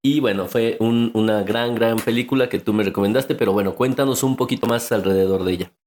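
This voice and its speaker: A man's voice: on the low side, a little fast, darkish tone. A man, co-hosting a podcast in casual chat, rambling and joking as he stops and restarts his sentences. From Mexico City. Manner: rambling, self-interrupting, joking. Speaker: podcast co-host.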